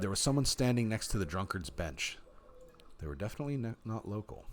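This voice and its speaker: A man's voice: mid-range voice, darkish tone. A man streaming a story game, reading its text aloud and announcing his choices.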